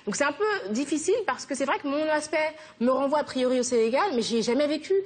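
A young woman from France, a guest in a TV interview, answering earnestly and quickly, thinking aloud as she goes. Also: high voice. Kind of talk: TV interview conversation.

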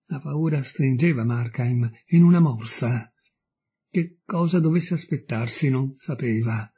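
Man, audiobook narrator, husky, dark mellow tone, measured expressive reading. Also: mid-range voice. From Italy. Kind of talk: dramatic literary reading.

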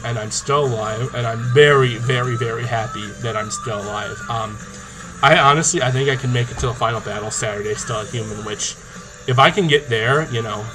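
A young man talking casually to camera in a video diary, playful, animated and boastful. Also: mid-range voice, poor audio. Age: young adult. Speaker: video diarist in a zombie tag game. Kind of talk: casual vlog talk to camera. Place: small indoor room. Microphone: webcam or laptop mic at arm's length. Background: rock song playing.

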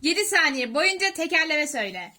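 Bright, high-voiced woman reading quiz questions. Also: big pitch swings. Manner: brisk, reads questions and counts down seconds. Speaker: quiz reader and contestant. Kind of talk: casual family game chat.

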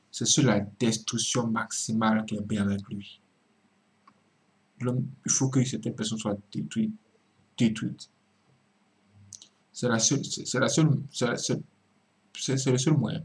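A man preaching in a video commentary, swinging from emphatic cries down to low murmured asides and repeating words for emphasis. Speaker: religious commentator.

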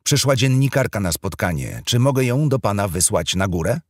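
A man's voice: lowish voice, big pitch swings, moderate pace, a little mellow, no echo, clean studio sound, voice pushed up. A man voicing a polite, formal male hotel receptionist speaking over an intercom, in an audiobook.

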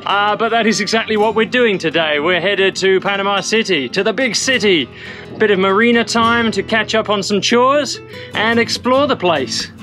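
A man narrating a sailing vlog as the boat's captain, easygoing and explanatory, with relaxed fillers. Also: high-pitched, normal speed, faint music behind. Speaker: boat captain.

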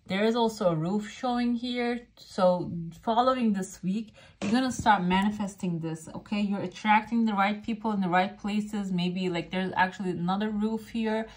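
Woman doing a casual fortune teller reading, english isnt her first language, medium pitch, talks right to you. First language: not English. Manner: fortune teller addressing the viewer directly. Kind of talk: casual coffee cup and oracle card reading to camera.

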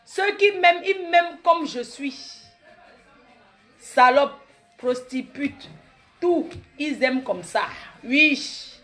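Brash mocking woman with a high voice. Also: slow, fairly bright tone, soft background music. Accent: Cameroonian French. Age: 30s. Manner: brash, mocking, boastful taunts at critics. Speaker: comedic vlogger. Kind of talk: satirical comedy monologue.

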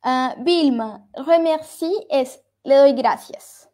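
A woman with a fairly high voice leads a French lesson, explaining in Spanish and switching back to French. She talks at an unhurried pace. She says tricky words over and over, so her students can hear each sound. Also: mellow. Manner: slow, repeats words to drill pronunciation. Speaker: French teacher. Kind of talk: online language lesson.

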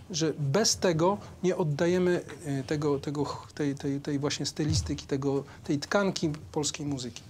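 A man's voice: on the high side, a little hiss or hum. A man coaching a string orchestra in a rehearsal, speaking with hesitations and singing rhythms aloud. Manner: hesitant, sings rhythms and counts beats aloud. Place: rehearsal room with a string ensemble.

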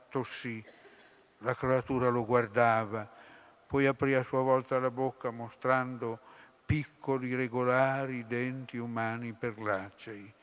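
A man lecturing on literature, reading a story aloud with measured, deliberate phrasing. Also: mid-range voice, fairly bright tone. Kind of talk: slow dramatic reading aloud. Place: lecture hall. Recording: long hall reverb.

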